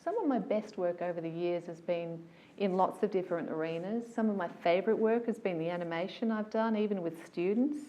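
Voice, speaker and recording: A woman who works as a voiceover artist tells stories about her career in a casual interview. She sounds animated and enthusiastic, speaking briskly in a voice on the low side.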